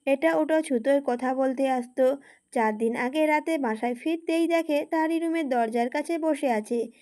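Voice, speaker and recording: Woman reading a love story out loud, high voice, steady and expressive. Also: normal speed. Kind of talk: scripted narration.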